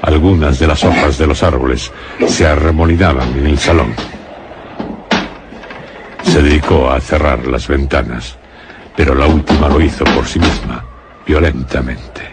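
A man with a Castilian Spanish accent narrates a suspense radio drama, telling the story in a grave, measured manner. His voice is extremely low-pitched with a steady tone, and the recording is very noisy.

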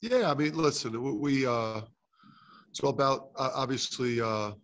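A middle-aged head basketball coach fields questions at a postgame press conference, his medium-pitched, fairly bright voice moving at a normal pace through many fillers and restarts. He speaks into a close table mic in a room with a sponsor backdrop.

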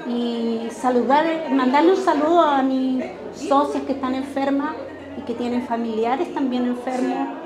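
A woman's voice: sits high, fairly even intonation, a little slow. An older woman, president of a retirees' craft workshop, giving an earnest, grateful news interview at an indoor exhibition. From Chile. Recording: roomy hall with crowd chatter.

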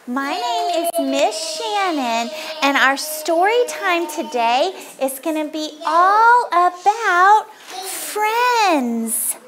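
Very high-pitched woman talking to toddlers, slow. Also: fairly bright tone. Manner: sing-song, encouraging talk to toddlers. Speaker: children's library storytime leader. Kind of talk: leading songs and talk for young children. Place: indoor library children's room with windows.

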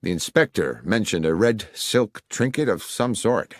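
A man doing a smooth, ingratiating gentleman. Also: on the low side, expressive, unhurried, dry recording, studio quality.

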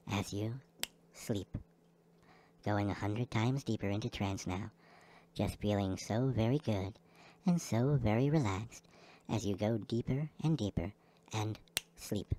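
A man guiding a listener through a slow, soothing hypnosis session. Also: on the low side, mellow, a little hiss or hum. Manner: slow, soothing, repetitive delivery. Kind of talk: guided hypnosis script.

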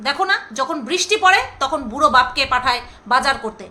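A woman's voice: high-pitched, animated, fast, pushed and bright. A middle-aged woman vlogger delivering an angry, sarcastic rant straight to camera, scolding and repeating her phrases for emphasis. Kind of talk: angry ranting monologue to camera.

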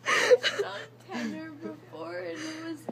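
A young woman groggy from anesthesia, rambling boastfully and casually in drawn-out words from a hospital bed. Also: extremely high pitch, fairly even intonation, creaky. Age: young adult. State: groggy from anesthesia after surgery. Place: small hospital recovery room, lying in bed. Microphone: handheld phone a short way off. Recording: noisy handheld phone recording.

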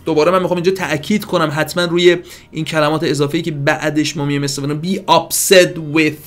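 A man with a slightly high voice gives an informal English lesson, and his first language is Persian. He chats quickly to his viewers as friends and kids. He then slows to careful, deliberate English examples. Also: little pitch movement. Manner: switches between fast chatty explanation and slow, careful example sentences; addresses viewers warmly as friends and kids, with filler hesitations. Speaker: English teacher. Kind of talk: casual video lesson.

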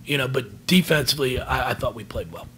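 A man in his forties, a basketball head coach, answering questions at a post-game press conference from behind a table microphone, earnest and halting, often restarting his words. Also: medium pitch, animated, noisy background. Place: press room in front of a team backdrop. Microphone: table microphone in front of him.

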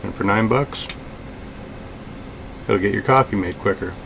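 Gravelly low-voiced man, slow and plain-spoken. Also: noisy background. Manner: relaxed, plain-spoken, with frequent fillers. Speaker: outdoors vlogger. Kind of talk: casual gear talk to camera. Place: small indoor room with shelves of gear.

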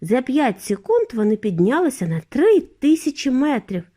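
Expressive female audiobook reader for bedtime stories, lively intonation. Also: high-pitched, normal speed. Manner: expressive, animated reading. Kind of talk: bedtime story narration.

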